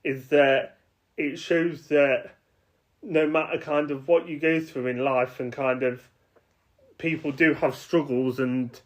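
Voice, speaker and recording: A man hosting a podcast chats casually in an interview, sounding encouraging yet hesitant and using many filler words. His voice is on the high side, with a steady tone and slow pace. The recording has a dull, lo-fi sound.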